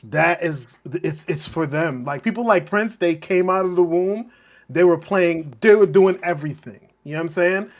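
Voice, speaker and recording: Chatty man in his forties, fairly high. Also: moderate pace. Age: 40s. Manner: loose and chatty, often asks "you know what I'm saying". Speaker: podcast host. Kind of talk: casual chat.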